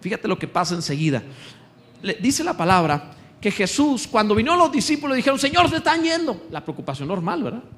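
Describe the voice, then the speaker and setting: A man preaching a sermon as pastor in a church. He asks the congregation rhetorical questions and swings between loud exclamations and slow, low emphasis. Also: big pitch swings.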